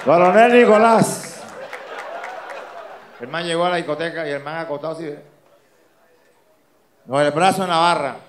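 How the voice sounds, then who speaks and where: Colombian coast guy doing standup, animated, loud voices for every character, roomy echo. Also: a little high, a little fast, pauses often, some chatter behind, slight background noise. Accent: Colombian Caribbean coast. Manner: animated, swings into loud shouted character voices and sound effects. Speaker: stand-up comedian. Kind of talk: stand-up joke telling.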